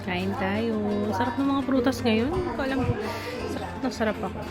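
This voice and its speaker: A woman's voice: a little high, moderate pace. Chatty Filipino woman vlogging over music. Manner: chatty, switching between Tagalog and English. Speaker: vlog host. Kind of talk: casual family vlog chat.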